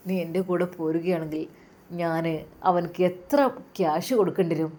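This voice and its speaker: A woman's voice: lowish voice, little pitch movement, normal speed, dark tone, pitched below the performer's own voice, lightly acted. A woman voicing a drunken, lecherous male boss who leers and coaxes with slurred speech. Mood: leering. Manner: slurred, leering, coaxing.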